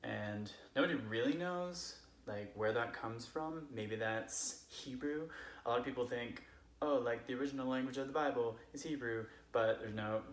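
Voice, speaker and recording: A man's voice: medium pitch, moderate pace, natural voice. A man putting on a casual, tipsy Californian friend who rambles through comedic stories in a slangy, filler-heavy way. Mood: loose, animated. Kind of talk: comedic storytelling. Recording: roomy echo, faint background noise.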